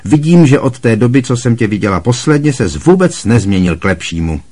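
Casting: a man doing a blustering harsh aunt, high and loud, lively, husky edge, storybook reading. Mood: scornful. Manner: booming, barking and harshly scolding. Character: bossy loud middle-aged aunt who scorns the boy.

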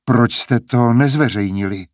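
A man's voice: medium pitch, dry recording, studio quality, lightly acted. Man reading as a stammering, cornered young student. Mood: desperate. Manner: stammering, pleading.

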